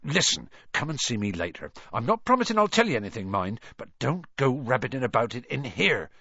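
A man voicing a big, secretive gamekeeper who talks in a shifty, hushing way, in a dull, dry recording. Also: mid-range voice, big pitch swings, brisk, no echo, heavily acted. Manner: shifty, hushing, gruff warnings.

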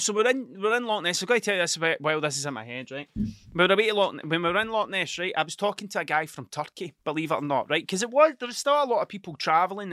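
Sharp and sitting high, the voice belongs to a middle-aged Ayrshire man from Scotland hosting a podcast. He rambles through an informal storytelling monologue heavy with swearing and "do you know what I mean," captured in studio quality without echo.

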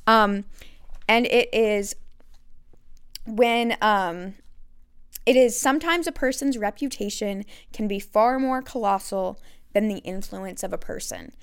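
This solo podcast host, a woman, speaks slowly and pauses often in a clear, resonant mid-range voice. She is candid and conversational, with many fillers and restarts, and calls herself sarcastic.

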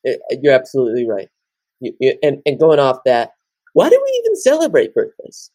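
A man in his late teens co-hosting a podcast, rambling through animated casual chat. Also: mid-range voice, fairly quick, no room sound. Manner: rambling, animated, jumps into loud off-key singing. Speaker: podcast co-host.

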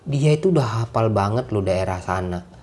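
A young man telling a casual, animated story in slang, acting out the dialogue. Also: on the low side, moderate pace.

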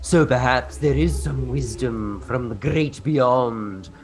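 A podcast host, a man with a medium-pitched voice, speaks slowly over music. He trades playful, theatrical banter and tells stories in an animated, theatrical way.

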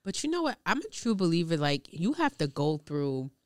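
Smooth-voiced young woman hosting a podcast. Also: deep voice, sing-song, moderate pace, darkish tone, dry recording, studio quality. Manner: candid, slangy, swears freely. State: congested. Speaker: podcast host. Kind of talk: casual podcast chat.

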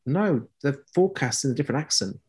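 A man chatting as a podcast guest, playful and self-deprecating, often pausing and restarting. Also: mid-range voice, expressive, darkish tone. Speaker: guest, weather presenter. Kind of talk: casual podcast chat.

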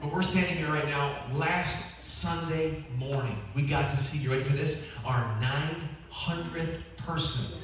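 A man's voice: a little high, a little slow, hardly any pauses, a bit bright, a little hiss or hum. A man with a Northern US accent, a traveling music minister, speaking casually to a church congregation in a jokey, folksy way. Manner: jokey, folksy, drawing the audience in. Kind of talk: casual church stage talk. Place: church sanctuary. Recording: echoey church from far off.

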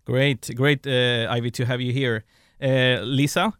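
Male host, smooth dry voice, brief and slightly hesitant welcomes. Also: medium pitch, steady tone, unhurried, a bit bright, no room sound. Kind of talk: welcoming guests.

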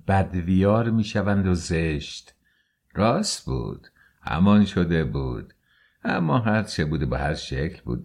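Deep, husky male audiobook narrator. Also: a little mellow. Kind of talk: scripted narration.

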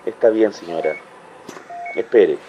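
A man's voice: sits low, unhurried, slight background noise. A man playing a grave doctor on a dull phone line. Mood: solemn. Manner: firm, patient, formal. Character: calm male hospital doctor giving bad news. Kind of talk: radio drama acting.

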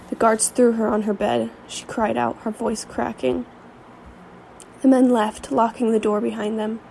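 Woman narrator, low mellow tone with fry, reads storybook prose with the odd stumble. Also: a little hiss or hum, rough recording. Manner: reads aloud with occasional slips and restarts. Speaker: reader.

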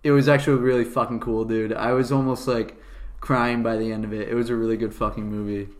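Young man, podcast co-host, rapid casual chatter full of swearing and "dude", recorded in an echoey room. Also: mid-range voice, level tone. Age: young adult. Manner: fast-talking and profane, says "dude" a lot. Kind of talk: casual chat.

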